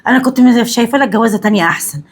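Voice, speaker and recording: An actress giving us a domineering Egyptian mother-in-law who rattles off insults at speed. Her voice is husky and a little high. Faint music plays under the scene. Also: rapid-fire, natural voice. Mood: scornful. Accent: Egyptian Arabic. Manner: scornful, cutting, insulting. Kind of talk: short web drama acting.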